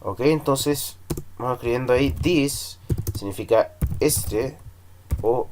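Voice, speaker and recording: A man teaching English in Spanish, drilling numbers slowly and patiently for students to repeat. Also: mid-range voice, noisy background.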